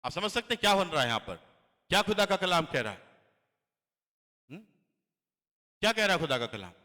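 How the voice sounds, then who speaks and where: Male pastor, high and very bright voice, emphatic sermon delivery, long church-hall reverb. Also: very animated, a little fast. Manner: emphatic preaching, rising loudly for scripture.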